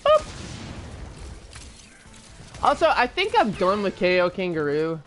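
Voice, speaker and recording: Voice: medium pitch, wildly swooping pitch, takes it slowly, faint music behind. A gaming streamer in casual live-stream commentary, rambling and chatty, drifting into tangents and restarts.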